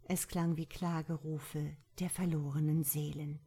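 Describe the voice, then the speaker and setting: A woman reads a dark fairy tale aloud as an audiobook narrator. Her voice is low and husky, and she keeps it soft and hushed, often close to a whisper. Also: level tone, measured pace. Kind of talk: audiobook storytelling.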